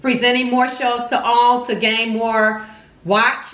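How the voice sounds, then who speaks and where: Hosting a casual mukbang vlog, a woman chews her food while chatting expressively, repeating words for emphasis. Her voice is a little high, flat, slow and a bit bright, and the home recording sounds roomy and echoey.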